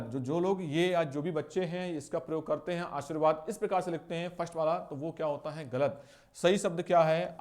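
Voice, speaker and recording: High-voiced man teaching a spelling lesson. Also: darkish tone. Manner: explaining, asking and answering his own questions; repeats words slowly to show spelling and pronunciation. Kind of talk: exam-prep lesson.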